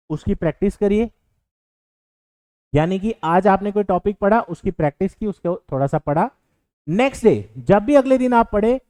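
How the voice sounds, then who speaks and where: A man's voice: high voice, a little mellow, clean tone, no room sound, poor audio. A man teaching exam aspirants, giving earnest advice in a motivational lecture with a few fillers. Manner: earnest, advising, with fillers and English words mixed in. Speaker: coaching teacher.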